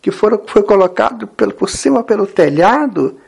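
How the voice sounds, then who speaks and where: Peter, a man putting on a pleading, higher voice. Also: lively intonation, moderate pace, vocal fry, a little mellow, husky, full character voice. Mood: coaxing. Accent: Brazilian Portuguese. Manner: imploring, higher and more urgent than his narration. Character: earnest adult male disciple, pleading and persistent.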